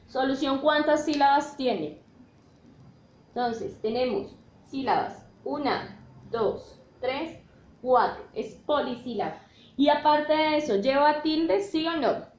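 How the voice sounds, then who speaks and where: Slow, patient woman teaching a lesson. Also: high voice, roomy sound, slight background noise. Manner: slow and patient, checks in often with "¿listo?". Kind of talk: spanish grammar lesson.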